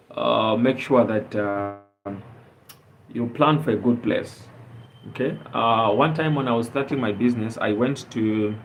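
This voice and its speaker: A man's voice: mid-range voice, slight background noise, poor audio. A man from Zambia hosting a casual live stream, talking earnestly with many fillers and rhetorical questions.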